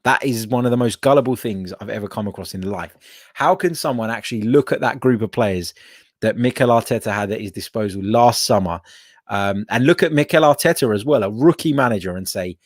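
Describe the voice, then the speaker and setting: A man's voice: lowish voice, fairly quick, no room sound. Opinionated young man, dry close mic. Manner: opinionated, emphatic, repeats points. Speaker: podcast host. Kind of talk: live solo podcast commentary.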